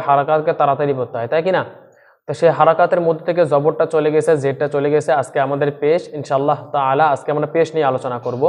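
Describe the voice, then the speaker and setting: A man teaching a Quran reading lesson online, explaining step by step and checking in with frequent questions, sounding out syllables slowly. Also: fairly high pitch, in a large hall. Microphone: screen-share recording with voice-over.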